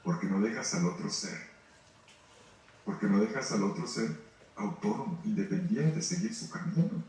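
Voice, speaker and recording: A man's voice: lowish voice, very animated, moderate pace, darkish tone, a little hiss or hum. A man preaching at a grief retreat, emphatic, asking rhetorical questions and addressing listeners directly. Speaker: priest leading a grief retreat. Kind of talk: sermon. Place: formation house hall. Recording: very echoey, distant from the mic.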